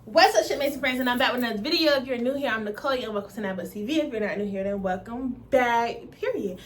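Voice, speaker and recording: A woman in her twenties with a stuffy nose, chatting to camera in fast, slangy talk. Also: a little high, a little hiss or hum. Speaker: vlogger. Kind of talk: casual chat to camera.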